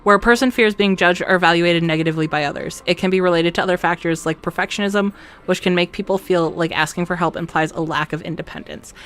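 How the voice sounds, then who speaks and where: A woman's voice: on the low side, fairly even intonation, fast, a bit bright. Chatty woman streamer talking through gameplay. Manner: chatty, rambling with restarts and laughs. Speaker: let's play streamer. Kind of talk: casual gameplay commentary.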